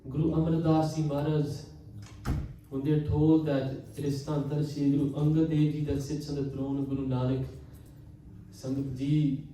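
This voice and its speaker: A man's voice: fairly high pitch, flat delivery, mellow. Man preaching in an echoing hall. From Canada. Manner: earnest, addresses the congregation often, slows for emphasis. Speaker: Sikh preacher giving katha. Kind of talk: sermon. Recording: echoey hall from far off with faint noise.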